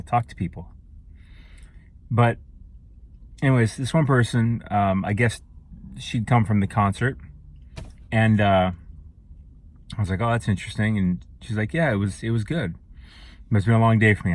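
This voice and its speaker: A man talking to camera in a casual, rambling monologue that grows emphatic and profane. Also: fairly low pitch. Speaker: vlogger.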